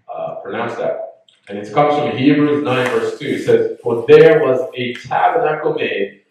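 A man's voice: medium pitch, darkish tone, very echoey, far from the mic, poor audio. A man preaching a sermon, teaching earnestly and reading scripture aloud.

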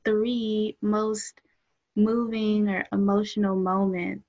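A woman's voice: mid-range voice, monotone, takes it slowly, muffled recording. A woman interviewing a guest in a conversational way, encouraging and easily moved.

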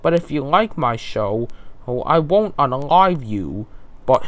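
A man voicing a vengeful cartoon boy turned killer, addressing viewers with flat threats. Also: medium pitch, measured pace, no room sound. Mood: threatening.

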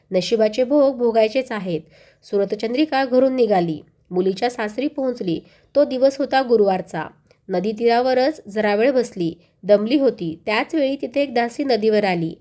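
A woman narrating a devotional folk tale in a steady, measured reading. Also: on the high side. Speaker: storyteller.

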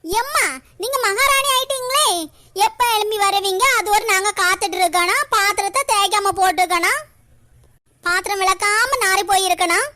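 A woman's voice: extremely high pitch, normal speed, bright, forceful tone. A woman voicing a quarrelsome old mother-in-law in a cartoon, scolding and sarcastic, slipping into self-pitying complaint. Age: older. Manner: scolding, sarcastic, breaks into crying. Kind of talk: cartoon comedy voice acting.

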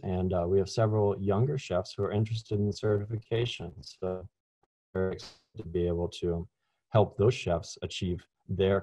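Deep-voiced man chatting on a video call. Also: no echo. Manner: relaxed, conversational, many ums and restarts. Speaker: chef and food science presenter. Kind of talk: online webinar talk. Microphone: video call webcam.

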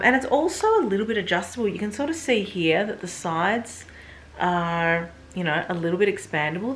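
A woman's voice: fairly low pitch, a bit bright, slight background noise. A woman in her thirties chatting enthusiastically to viewers as she unboxes and reviews a bag. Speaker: fashion vlogger. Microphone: camera mic.

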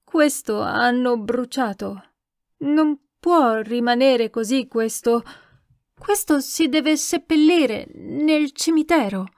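A woman's voice: high-pitched, slow pace, darkish tone, dry recording, clean studio sound. A woman voicing a poor, frightened man who stammers and pleads in an audiobook reading. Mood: fearful pleading.

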